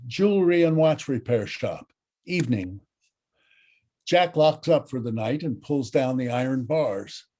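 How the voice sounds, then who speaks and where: A man's voice: mid-range voice, mellow. A man narrating the stage directions of a script reading in a dry, matter-of-fact way.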